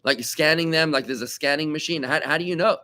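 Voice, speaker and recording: A man, a rabbi, teaching a Talmud class to students, animated and full of rhetorical questions, repeating key points for emphasis. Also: fairly high pitch, fast. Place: study room with students.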